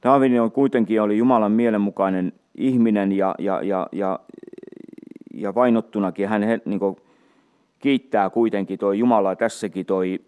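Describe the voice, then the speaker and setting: A man teaching from the Bible in an unhurried way, reading scripture aloud between his own remarks. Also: fairly low pitch, steady tone, a little mellow, clear, resonant tone. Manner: unhurried, many fillers and restarts, reads scripture aloud. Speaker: preacher.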